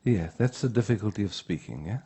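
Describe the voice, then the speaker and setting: A man giving an unhurried spiritual teaching talk at a retreat. He often checks in with the room by asking "yeah?". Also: fairly low pitch, expressive, dark tone, husky.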